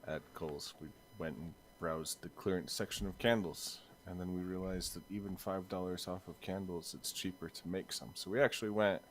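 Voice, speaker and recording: A young man co-hosting a podcast, chatting casually in a hesitant, halting way full of fillers and restarts. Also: deep voice, fairly even intonation, a little hiss or hum. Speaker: podcast co-host. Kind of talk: casual chat.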